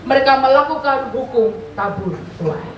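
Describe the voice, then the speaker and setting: A high-voiced woman preaches with animated storytelling, throwing questions to the congregation and answering them herself. The sound is roomy and echoey, with the mic some distance away and a faint hiss underneath. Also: moderate pace. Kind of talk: sermon.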